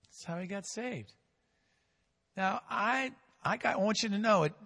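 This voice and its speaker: Preaching in a large hall, this male pastor has a high-pitched, gravelly voice. His sermon uses call-and-response, swinging between loud and hushed, and he draws key phrases out slowly.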